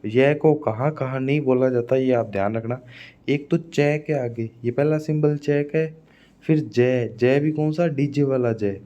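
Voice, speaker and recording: A man's voice: medium pitch, a little slow, warm tone. Hindi-speaking man teaching phonetics. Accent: Rajasthani Hindi. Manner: explains by repeating words and asking "है ना". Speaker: English teacher. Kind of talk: exam-prep phonetics lesson.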